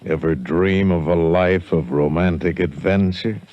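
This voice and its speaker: Very deep, ominous vintage radio announcer. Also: male voice, steady tone, darkish tone, no room sound. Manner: ominous, deliberate. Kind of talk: dramatic scripted 1950s radio narration. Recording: muffled vintage radio recording, music behind.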